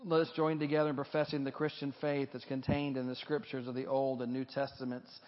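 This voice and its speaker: A male pastor leading liturgy and prayer in measured, formal phrasing before a congregation, with a cathedral-like echo. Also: medium pitch, flat delivery. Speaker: pastor leading a baptism reaffirmation service. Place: large reverberant church. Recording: muffled recording with long church reverb, cathedral-like echo.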